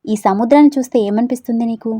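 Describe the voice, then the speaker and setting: A woman's voice: on the high side, very fast, dark tone, no room sound, lightly acted. A woman voicing a teasing, cocky young rowdy. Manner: teasing, self-assured. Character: cocky young man, bold brash romantic rowdy.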